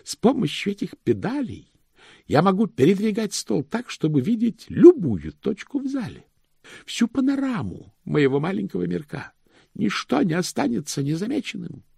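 Man doing a fussy pompous cashier, raised husky voice, wide swooping pitch, dry close sound. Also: huge pitch swings, moderate pace, warm tone, no echo, full character voice. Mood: eager. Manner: pompous, exacting, lofty. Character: proud fussy older male head cashier. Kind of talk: audiobook character voice.

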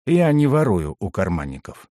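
Cast: a man as a knowing veteran thief, low and unhurried, dry close sound. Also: very animated, dark tone, no room sound. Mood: amused. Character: sly seasoned male thief, calm and amused.

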